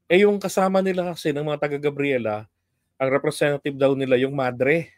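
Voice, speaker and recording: A man's voice: fairly high pitch, brisk, no room sound, clean studio sound. A man from the Philippines hosting a political commentary livestream, telling stories in a chatty way and laughing often.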